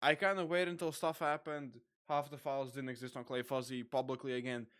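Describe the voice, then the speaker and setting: A young man hosting a casual online chat, rambling with lots of fillers and quick laughs. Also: medium pitch, level tone, fairly bright tone, clean tone. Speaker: podcast host.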